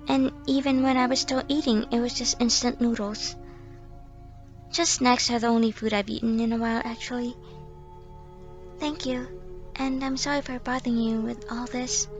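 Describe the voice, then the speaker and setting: In an ASMR role-play, a woman with a slightly high voice plays a timid, self-loathing young female stalker. She sounds sweet yet eerily obsessive, rambling and apologizing nervously.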